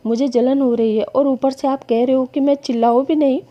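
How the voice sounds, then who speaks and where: A woman's voice: high voice, steady tone, fairly quick, voice pushed up, natural voice. A woman voicing a whiny, easily hurt young man in a storybook reading, complaining in a pleading way. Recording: dull lo-fi recording.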